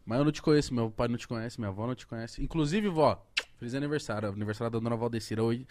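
Fast-talking slangy São man. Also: medium pitch, a little mellow, dry recording. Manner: slangy, joking. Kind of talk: casual chat.

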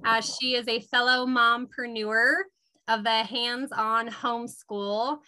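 A woman's voice: a little high, level tone, takes it slowly. A woman in her thirties hosting a podcast, enthusiastic as she interviews a guest. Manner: enthusiastic, warm questioning. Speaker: podcast host. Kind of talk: casual interview chat.

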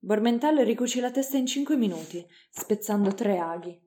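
A woman narrating an audiobook in a measured, dramatic reading. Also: mid-range voice, animated, dark tone.

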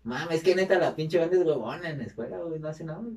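A man's voice: fairly high pitch, rapid-fire, a little mellow, recorded from a distance. A man with a Mexican accent, co-hosting a casual podcast, profane and ranting. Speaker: podcast co-host. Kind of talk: casual chat.

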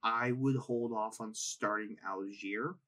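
A man's voice: on the low side, fairly even intonation, slow, a bit bright. A man co-hosting a fantasy football podcast, chatting casually, hedging his takes and putting questions to his co-host. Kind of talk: casual chat.

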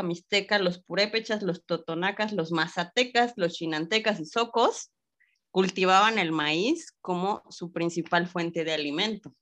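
A woman's voice: medium pitch, a bit bright. A woman from Mexico City co-hosting a casual food podcast, explaining things in a friendly way and often asking tag questions. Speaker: podcast co-host.

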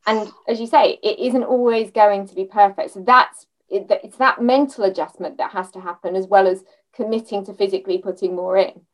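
A woman hosts a conversational interview, her mid-pitched voice picked up from a little way off the mic. She asks long, reflective questions in a thoughtful, considered way. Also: steady tone, brisk, recorded from a distance, rough recording. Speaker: podcast host.

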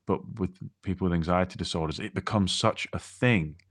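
A man's voice: deep voice, moderate pace, no room sound, clean studio sound. A man co-hosting a podcast, talking through his own experience in a reflective, casual way with frequent restarts. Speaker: podcast co-host.

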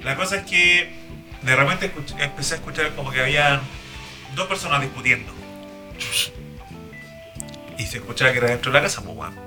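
A man's voice: mid-range voice, expressive, a little fast, long pauses, music in the background. A young man with a Chilean accent, a guest in a casual chat, telling a story in slangy talk full of fillers and repeated tags. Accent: Chilean Spanish. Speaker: guest, driver.

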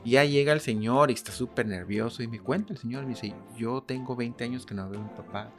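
A man's voice: medium pitch, a little fast, over music. A man, a life coach, telling his own story in a casual conversation and acting out the dialogue. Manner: animated, acts out dialogue in quotes.

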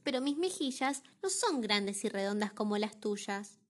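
A woman's voice: mid-range voice, lively intonation, unhurried, lightly acted. An Argentine woman voicing an apologetic female penguin in a storybook reading, with a sighing delivery. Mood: sorry. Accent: Argentine Spanish.

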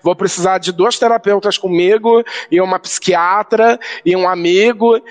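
A man's voice: high voice, steady tone, normal speed, big-room sound. A man, a drag queen guest telling stories animatedly in a casual podcast chat, swearing and mimicking his relatives. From Rio de Janeiro, Brazil. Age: 30s. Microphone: remote recording.

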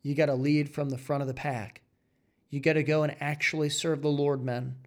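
A man preaching a fiery sermon, exhorting forcefully with repeated phrases and rising emphatic peaks. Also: on the high side, little pitch movement, moderate pace.

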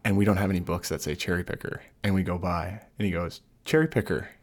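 A man's voice: low-pitched, flat delivery, fast talker, a little mellow. A young man hosting a casual podcast chat, joking and teasing his guest and laughing often. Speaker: podcast host.

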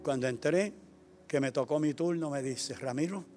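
High-voiced older preacher. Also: male voice, normal speed, faint music behind. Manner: repeats phrases, swings from quiet storytelling to loud preaching. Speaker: retired pastor. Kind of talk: sermon with personal stories.

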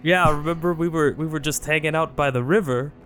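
A man's voice: on the high side, fairly quick, over music, lightly acted. A man voicing a huge, simple, friendly cat barbarian, speaking hesitantly in a tabletop game. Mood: friendly, puzzled. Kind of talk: in-character tabletop role-play.

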